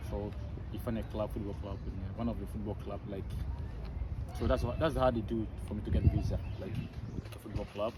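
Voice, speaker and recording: A man's voice: lowish voice, fairly even intonation. Young Ghanaian man, distant outdoor recording. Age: young adult. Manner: halting, repeats words, frequent fillers and throat clearing. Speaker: interviewee. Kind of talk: casual interview. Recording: outdoor street recording, far mic, loud traffic noise.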